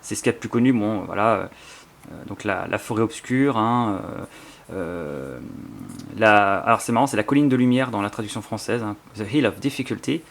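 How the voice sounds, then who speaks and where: A man with a French accent talks through an unboxing in a rambling, enthusiastic way, full of fillers and restarts. His voice has a gravelly, creaky edge, and faint noise hums underneath. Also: on the low side, lively intonation, normal speed. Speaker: YouTuber presenting his book collection. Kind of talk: casual spontaneous unboxing chat.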